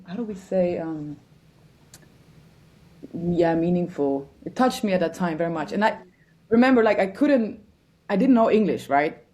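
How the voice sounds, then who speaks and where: A woman's voice: lowish voice, a little mellow. A woman from Germany, a musician guest answering interview questions reflectively and searching for words.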